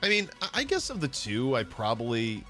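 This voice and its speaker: A man co-casting an esports stream in casual chat, joking and telling animated stories. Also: mid-range voice, a little fast, faint music behind.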